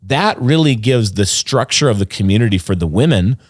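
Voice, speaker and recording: A man's voice: fairly low pitch, expressive, moderate pace, no echo, clean studio sound. A man, a pastor and podcast co-host, explaining his views in an earnest, rambling conversational way with frequent restarts. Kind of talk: casual conversational podcast chat.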